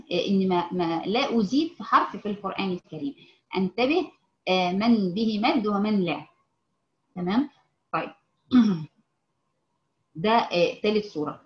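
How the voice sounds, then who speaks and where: A woman with an Egyptian Arabic accent teaching Quran recitation in an informal lesson. She repeats her points patiently, asks her students to respond and slows down to recite example verses. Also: mid-range voice. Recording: echoey, muffled audio.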